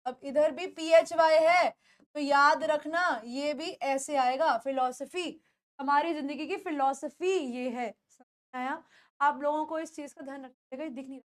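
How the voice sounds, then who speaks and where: A woman whose first language is Hindi teaches English pronunciation at a slow, deliberate pace. Her voice sits high, and she repeats each word several times and checks in with her pupils using short questions. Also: steady tone. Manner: repeats words slowly, asks pupils questions. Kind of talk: classroom-style lesson.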